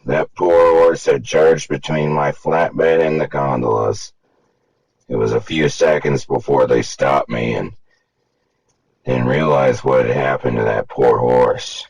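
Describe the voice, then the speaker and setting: A booming, gravelly old locomotive grandfather. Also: fairly even intonation, darkish tone, no room sound, exaggerated voice, poor audio. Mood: somber. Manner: slow, weighty, rueful. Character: old male steam locomotive, gruff grandfatherly. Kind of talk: audiobook character voice.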